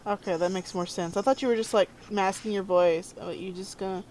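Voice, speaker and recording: A woman's voice: medium pitch, fairly even intonation, brisk, crowd noise, poor audio. A woman playing a tabletop game, casually chatting and questioning her group's plans. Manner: quizzical, keeps asking questions. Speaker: player.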